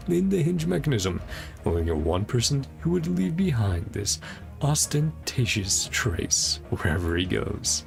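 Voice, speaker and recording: In a fairly low voice marked by vocal fry, a man muses aloud during a casual video game playthrough. As a gaming content creator tackling a story quest, he reads out the game's text and speculates to himself.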